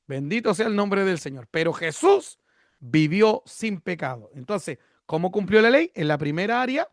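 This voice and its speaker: A pastor delivers a teaching sermon in a notably high voice, explaining each point and repeating key words. He asks questions aloud and answers them himself. The recording is close and dry, with almost no room sound. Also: no echo.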